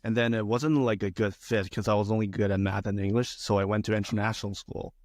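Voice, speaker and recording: A young man from China speaking as a podcast guest, his voice sitting fairly low. He talks earnestly and stops and restarts often, and the sound is dry and close. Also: fairly even intonation, no room sound. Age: young adult. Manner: halting, many fillers and restarts, earnest. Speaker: guest, theater student. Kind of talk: casual podcast interview.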